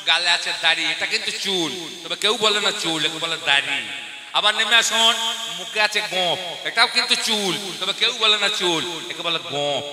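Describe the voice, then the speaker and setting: Folk storyteller piece: a man plays a pert clever schoolboy, bright voice in a long-reverb hall. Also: high voice. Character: cheeky clever schoolboy, never holds his tongue. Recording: echoey hall.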